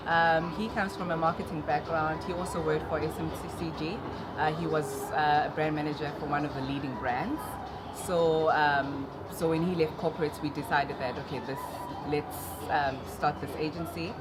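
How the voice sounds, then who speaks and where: A woman with a South African accent answering interview questions conversationally, often pausing to find her words. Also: low voice, steady tone, heavy background noise. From Durban, South Africa. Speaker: interview guest, marketing and events businesswoman. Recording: music under the talk. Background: loud music.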